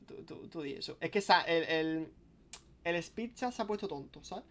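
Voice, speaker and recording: A young man streams and chats on and on. His voice sits somewhat high for a man, and his sentences restart often and carry casual swearing. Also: animated, normal speed, a bit bright. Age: young adult. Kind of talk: casual live-stream chat.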